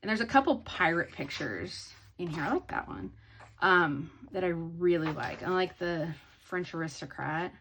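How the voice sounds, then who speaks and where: A woman's voice: fairly low pitch, lively intonation, normal speed, fairly bright tone, a little hiss or hum. A woman chatting casually in a hobby haul video, rambling with many ums and restarts. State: sleepy, yawning. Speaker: hobby vlogger.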